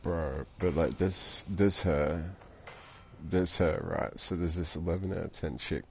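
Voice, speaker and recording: A man's voice: deep voice, unhurried, vocal fry, muffled recording, a little hiss or hum. A young man chatting casually on a game live stream, rambling and swearing constantly.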